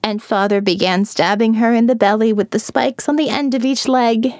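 A woman narrates a first-person horror audiobook slowly and in a hushed voice, often dropping to a whisper. Her pitch is a little high and her tone steady, with studio-quality audio and no room sound.

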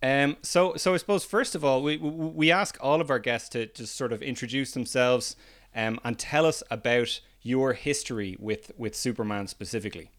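Man, medium pitch, podcast host, conversational presenting. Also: moderate pace, fairly bright tone. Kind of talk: podcast introduction and interviewing.

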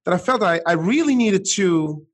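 A middle-aged Swedish man, an author and entrepreneur, tells his story as a guest in a conversational interview. His voice sits high and slightly rough, moving at a normal speed. He storytells in an animated way, frequently restarting sentences as he goes.

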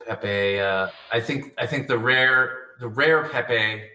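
A man guest on a casual panel, rambling with halting restarts, speaking in a room he shares with other guests. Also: mid-range voice, bright, forceful tone, distant mic. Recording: echoey room, off-mic.

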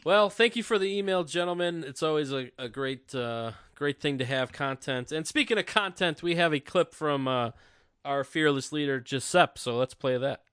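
A man's voice: a little high, expressive, moderate pace, fairly bright tone, clear, resonant tone, dry recording. Podcast host guy, jokey, reads emails, dry close mic. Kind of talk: casual podcast chat.

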